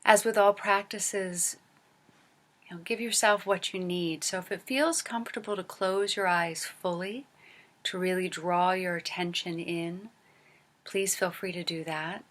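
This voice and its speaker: Leading a body scan meditation, this woman uses a lowish voice with fairly even intonation. Her gentle, unhurried delivery includes long pauses and soft, breathy phrase endings.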